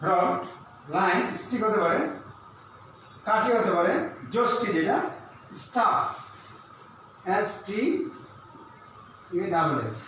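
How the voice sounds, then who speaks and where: A man from Bangladesh teaching an online English lesson, explaining slowly and spelling words out letter by letter. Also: sits high, sharp tone. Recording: very echoey room with faint hiss.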